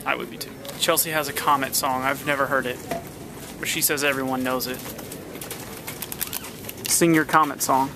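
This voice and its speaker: A woman's voice: a bass voice, fairly even intonation, normal speed, long pauses. Give me a playful, teasing woman vlogging amid background noise. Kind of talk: casual vlog chat. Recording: noisy ambient background.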